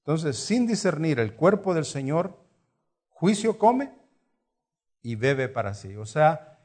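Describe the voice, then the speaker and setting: A middle-aged man with a Salvadoran Spanish accent preaches a conversational sermon in a slightly high, sing-song, mellow voice at a slow pace. He teaches through rhetorical questions and repeated phrases.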